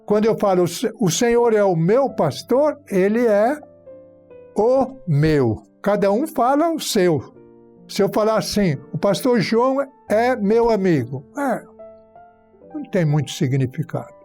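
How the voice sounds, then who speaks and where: High mellow guy teaching grammar, explains step by step w examples. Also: very animated, a little slow, soft background music. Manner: teacherly, illustrating points with spoken example sentences. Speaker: Portuguese teacher guest. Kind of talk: explaining grammar on a church talk program.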